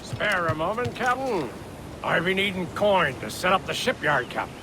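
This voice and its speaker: Eager high-voiced pirate crewman. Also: very animated, moderate pace, noisy background. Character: eager, respectful pirate crewman needing gold. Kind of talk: video game character acting.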